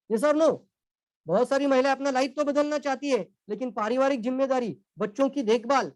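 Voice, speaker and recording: A man leads a sales training session in a coaching tone, calling his listeners friends and sir. His voice sits fairly high and is recorded close and dry, with no room echo. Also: a little mellow. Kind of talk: motivational training talk.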